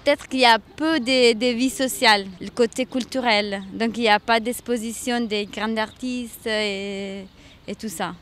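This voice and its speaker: A woman's voice: on the high side, steady tone, a little slow, fairly bright tone. A woman casually and a bit hesitantly describing her city in a street interview.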